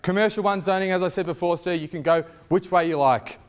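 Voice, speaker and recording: Casting: Australian man, novice auctioneer, declamatory and formal, with a clean, slightly high voice. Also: quick pace, clear, resonant tone. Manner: declamatory auctioneer projection to a gathered crowd. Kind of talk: auctioneer address, formal property pitch and bid calling.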